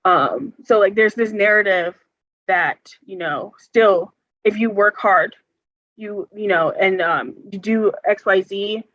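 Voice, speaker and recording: The speaker is a young woman from the US who organizes around health care, earnestly fielding questions at a forum with frequent hesitations and fillers. Her voice is mid-range, and the recording is dry, dull and muffled.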